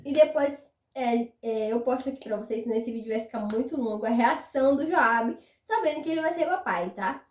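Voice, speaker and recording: A young woman vlogger telling a personal story to her viewers in a casual, animated way, repeating words for emphasis. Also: on the high side, fairly quick, hardly any pauses. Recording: roomy echo, mic at a distance.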